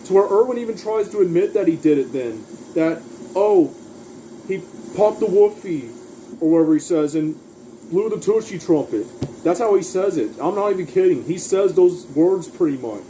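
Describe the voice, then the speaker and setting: A man's voice: high-pitched, lively intonation, brisk, dark tone, slight background noise, rough recording. A man casually recapping a cartoon episode, rambling through the plot and quoting lines along the way. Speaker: cartoon reviewer.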